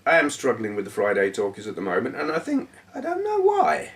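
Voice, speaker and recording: Hoarse man rambling to camera. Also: medium pitch, wildly swooping pitch, brisk, far from the mic. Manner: rambling, self-deprecating, hesitant with fillers. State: hoarse, voice going. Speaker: YouTube gaming channel host. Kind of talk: casual rambling talk to camera.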